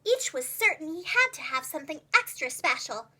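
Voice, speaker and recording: Reading a storybook to young children, a woman with a high, bright voice sounds expressive and very animated, enunciating each phrase carefully like a preschool teacher. She keeps a moderate pace, and there's a little hiss or hum in the background.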